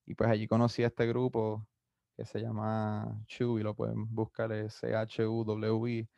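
A young man in his early twenties with a Puerto Rican Spanish accent and a low, gravelly, mellow voice. He talks in a flat, relaxed, rambling way, full of fillers. The sound is dry and close. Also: measured pace, no echo. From Puerto Rico. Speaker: musician guest. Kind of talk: casual interview, mixing Spanish and English.

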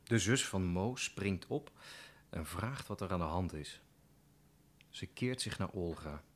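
Deep-voiced man reading a play. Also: expressive, unhurried. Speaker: reader in a radio play reading. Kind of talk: first-person dramatic reading.

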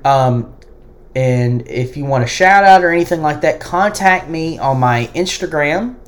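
Talking alone on his sports podcast, the host has a slightly high voice, lively intonation, and an unhurried pace. He hesitates a lot, filling gaps and restarting frequently.

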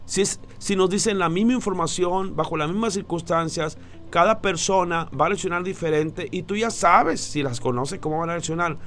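A man's voice: high-pitched, moderate pace, a bit bright, faint music behind. Emphatic man giving a motivational talk. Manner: emphatic, repeats phrases for effect. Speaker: speaker on emotions.

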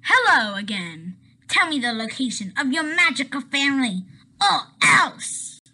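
A woman's voice: high-pitched, sing-song, unhurried, pushed and bright, exaggerated voice. A woman voicing a gloating, threatening villain in a family audio drama.

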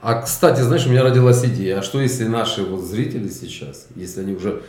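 A male host in a relaxed, chatty studio conversation, agreeable and easygoing. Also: fairly low pitch, fast talker, echoey room. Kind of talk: casual studio chat.

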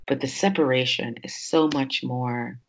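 A woman's voice: a bass voice, steady tone, measured pace, slight background noise. A woman who grew up in New York hosts a podcast, speaking in a casual, reflective way with many fillers as she thinks aloud. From New York, United States. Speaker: podcast host.

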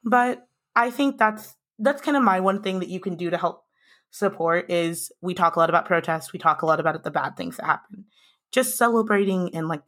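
A woman's voice: on the low side, a bit bright. A young adult woman hosting a podcast, speaking earnestly and with passion in a breathless rush, often restarting her sentences. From United States. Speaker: podcast host. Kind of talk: impassioned podcast monologue.

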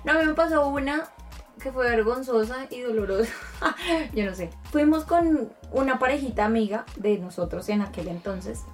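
A woman tells an expressive story in casual talk, acting out the voices. Her voice is somewhat high and a little distant from the mic, with faint music behind. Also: normal speed. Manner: expressive storyteller, acts out quotes. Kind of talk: casual chat.

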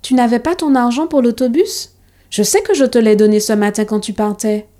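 A woman's voice: on the high side, moderate pace, dark tone, voice pushed up, close to an everyday voice. A woman voicing a caring mother who turns stern when worried, in a storybook reading.

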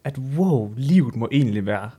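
Young male co-host, animated storyteller, laughs a lot, casual swearing. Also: mid-range voice, husky. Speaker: podcast co-host. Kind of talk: casual chat.

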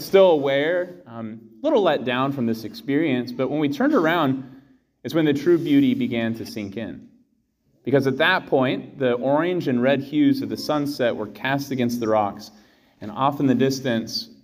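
An American man in his thirties, a priest, reading scripture and giving a homily in measured, deliberate phrases. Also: mid-range voice. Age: 30s. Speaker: priest preaching. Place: indoors, in a church.

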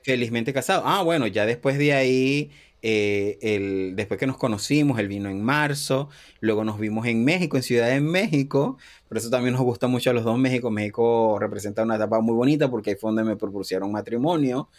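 Brisk and with few pauses, a man in his thirties from Panama speaks at medium pitch as a guest in a casual interview. His personal story is animated, full of acted-out quoted dialogue and frequent laughter.

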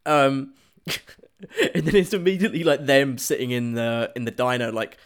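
A man chatting casually as a podcast co-host, laughing often as he retells scenes with halting restarts. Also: medium pitch, steady tone. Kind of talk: casual chat.

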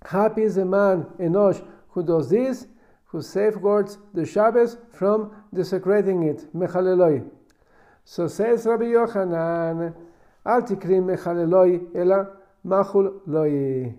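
A man giving a Talmud lesson as a religious teacher, reading and explaining in a halting, emphatic way with repeated words. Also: high-pitched, dark tone. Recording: dull, lo-fi recording.

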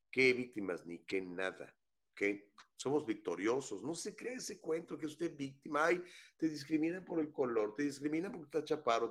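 A Mexican man with a fairly low voice hosts a live news talk show. He talks in a chatty, animated way and reads out viewer comments. He slips English phrases into his Spanish. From Mexico, Huasteca Potosina.

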